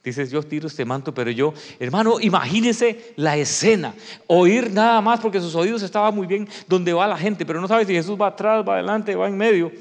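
A man preaching a sermon, acting out the story and swinging from shouts to hushed tones. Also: high-pitched, a little fast. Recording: long reverb of a hall.

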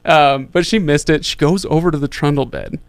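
A man's voice: fairly high pitch, steady tone, a little fast, clear, resonant tone, no echo. A man in his thirties hosting a podcast, telling a rambling story in a casual, chatty way, with lots of fillers and restarts. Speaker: podcast host.

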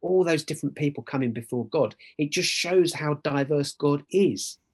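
A man's voice: a little high, normal speed, slightly rough. A middle-aged man with an Essex accent tells personal stories as a podcast guest, in an earnest, emphatic way, often checking in with "right?". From Essex, England. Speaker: podcast guest, church worker. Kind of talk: conversational personal storytelling.

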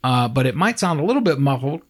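Animated man telling a true-crime story. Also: mid-range voice, quick pace, slightly rough. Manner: acts out quoted people with raised voices, laughs often. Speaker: podcast co-host.

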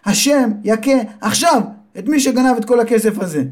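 A scolding biblical mother in a children's storybook, voiced by a male narrator. Her voice jumps high and loud as she rails against a thief. She sounds indignant and theatrical. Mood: outraged.

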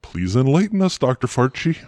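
A man's voice: mid-range voice, big pitch swings, a little fast, darkish tone, no room sound, lightly acted. A man plays a stuffy, pompous interviewer whose voice swings widely as he speaks. His manner is formal and exasperated, and the recording sounds dry and close. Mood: skeptical. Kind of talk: comedy sketch acting.

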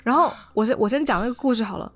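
Chatty woman co-host, talks quickly in a slightly high voice, keeps checking in as she tells a story. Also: lively intonation. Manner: chatty, keeps asking "you know?". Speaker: podcast co-host. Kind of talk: casual chat, storytelling.

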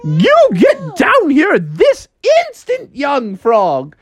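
A woman voicing an imperious, outraged storybook queen, shrill and commanding. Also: huge pitch swings, very slow, no echo, exaggerated voice.

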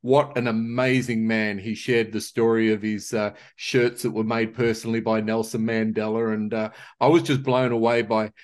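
A man's voice: on the low side, flat delivery, moderate pace, hardly any pauses. A man hosting a podcast interview, talking in a rambling, hesitant way with many restarts. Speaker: podcast host. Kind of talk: casual interview chat.

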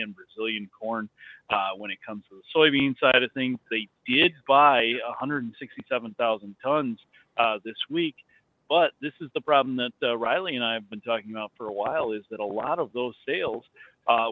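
A man's voice: medium pitch, no room sound. A man on the phone as a market analyst guest, speaking hesitantly with many filler sounds. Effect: over the phone. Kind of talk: phone interview. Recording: tinny dry phone line.

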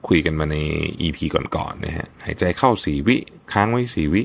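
A man's voice: extremely low pitch, expressive, moderate pace, gravelly. A middle-aged man hosting a podcast alone and unscripted, talking casually with many fillers and restarts. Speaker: podcast host. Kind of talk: unscripted solo podcast talk.

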